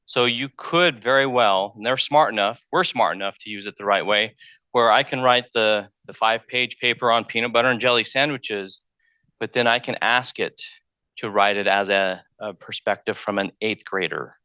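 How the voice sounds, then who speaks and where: A man lectures to a college audience in a relaxed, conversational way, often repeating a word as he gathers his thoughts. His voice is bright and pointed, and the sound comes through dull and lo-fi, with little room echo. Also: on the low side, normal speed, clear, resonant tone. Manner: conversational, thinks aloud, repeats words. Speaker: math lecturer. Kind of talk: public lecture. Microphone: handheld mic.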